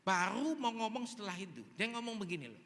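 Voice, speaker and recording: A man's voice: high voice, sing-song, fast, fairly bright tone. A male pastor preaching a sermon, telling a story animatedly and acting out the dialogue. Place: large church hall. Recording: long reverb in a large hall.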